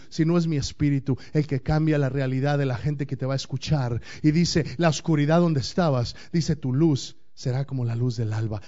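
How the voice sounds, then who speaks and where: Preaching as pastor, a man alternates between booming declamation and quiet, intimate moments. His voice runs on the high side, and the audio is dull.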